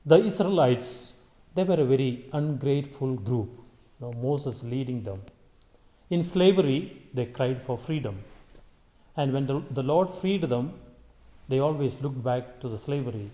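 A priest leading Mass, reading the gospel and preaching a homily in a slow, solemn way, his voice ringing with a long cathedral echo. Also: mid-range voice, lively intonation, dark tone. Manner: measured, solemn delivery with pauses. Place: large church.

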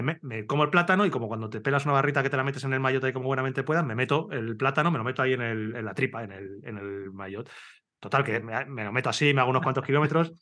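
A man from Spain, a podcast host, telling a comic story in casual chat, animated and laughing, swearing freely. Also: mid-range voice. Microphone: video call.

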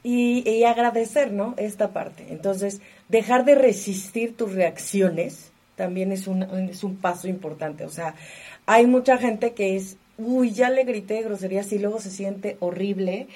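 A woman speaks in a reflective conversation about emotions. She thinks aloud, restarting her phrases often, and her voice sits at a middle pitch. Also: a little slow, a little mellow. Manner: thinks aloud, full of fillers.

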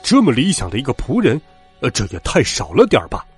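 A man voicing a gruff, sly male robber chief in a children's storybook reading, talking low and haggling. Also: wildly swooping pitch, a little fast, faint music behind, full character voice.

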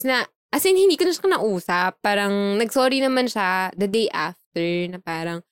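A young woman telling a story in casual chat, animated, laughing often and acting out the dialogue she quotes. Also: medium pitch, moderate pace, smooth, dry recording.

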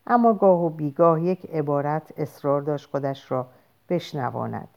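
A woman narrating a novel aloud in a measured, expressive storytelling voice. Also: low voice, gravelly, dull audio. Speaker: audiobook narrator. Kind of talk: scripted narration.

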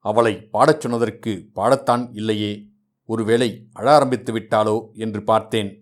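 A man's voice: fairly low pitch, steady tone, normal speed, natural voice. A man reading aloud voices a mocking young man who teases a shy bride.

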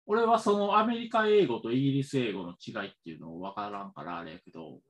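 A man's voice: mid-range voice, fast talker. A man with a Kansai Japanese accent chatting casually on a podcast, mostly giving short reactions. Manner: short reactions, relaxed listener. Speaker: podcast co-host. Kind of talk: casual chat.

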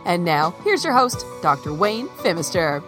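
A woman's voice: lowish voice, sing-song, normal speed. A woman reading a polished, scripted podcast introduction. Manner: polished promotional read. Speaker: podcast announcer. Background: music.

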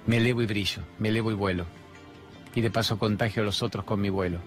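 Animated Argentine man preaching over faint music. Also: lowish voice, quick pace. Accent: Argentine Spanish. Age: 50s. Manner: animated storyteller, rhetorical questions. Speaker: host of a spiritual talk show. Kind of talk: spiritual monologue.

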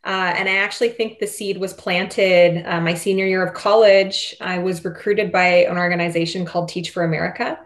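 A woman's voice: lowish voice, steady tone, moderate pace, hardly any pauses. A woman teacher talking about her seven years of teaching in an earnest, reflective way, with light laughs. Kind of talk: casual interview chat.

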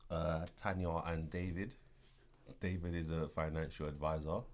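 A man's voice: rumbling low, little pitch movement, normal speed, darkish tone. A man chatting casually as co-host, offering opinions with many fillers and restarts. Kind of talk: casual chat.

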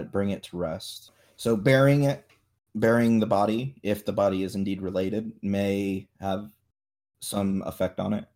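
A man with a fairly low voice runs a tabletop game. He improvises his narration and explains things haltingly as game master. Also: warm tone.

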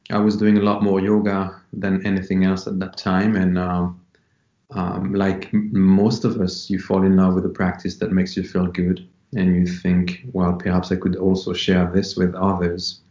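Deep, flat-voiced man. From France. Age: 40s. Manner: relaxed, unhurried, with many ums. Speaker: yoga teacher guest. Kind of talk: casual interview talk. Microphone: remote call. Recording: dull, roomy call audio.

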